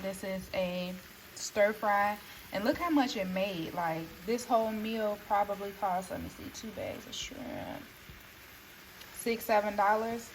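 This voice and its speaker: Chatty lady vlogging from her kitchen, talks right to the viewers, plain mid voice, faint hum behind. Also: medium pitch. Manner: chatty, talks straight to viewers as "guys" and "y'all". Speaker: cooking vlogger. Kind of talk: casual cooking vlog. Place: home kitchen.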